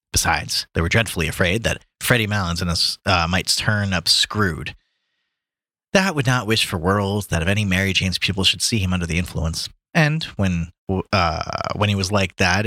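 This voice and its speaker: Bright, lively man reading aloud. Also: on the low side, no echo, clean studio sound. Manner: reads aloud, stumbles and laughs at himself. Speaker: podcast host reading a story aloud. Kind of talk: casual reading with banter.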